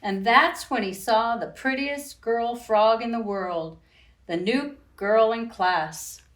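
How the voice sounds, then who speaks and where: A woman whose voice is on the high side reads to young children at storytime, addressing them directly like a librarian host, expressive and unhurried, with sing-song rhymes. Her voice carries a roomy echo from a distance from the mic.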